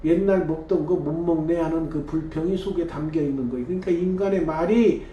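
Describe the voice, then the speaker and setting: A man's voice: a little high, brisk, highs cut off, slight background noise. A male pastor giving a sermon in a chatty, conversational manner, often tagging his points with a questioning "eh?". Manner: conversational, tags lines with rhetorical "eh?". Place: church. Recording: echoey church room.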